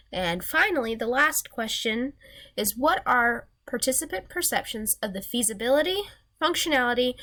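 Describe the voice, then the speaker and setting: A young female student, just recovering from a sinus infection, gives an earnest recorded class presentation from her slides. Her nasal voice sits on the high side with a fairly bright tone.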